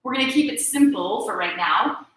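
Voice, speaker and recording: A woman yoga instructor guiding a class through poses, giving calm, encouraging cues and often checking in with "right?". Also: medium pitch, moderate pace. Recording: very echoey room.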